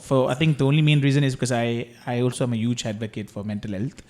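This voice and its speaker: Rapid-talking man host. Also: medium pitch, a little mellow. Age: 30s. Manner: chatty, teasing, mixes Tamil into English. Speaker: podcast host. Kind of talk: casual interview chat.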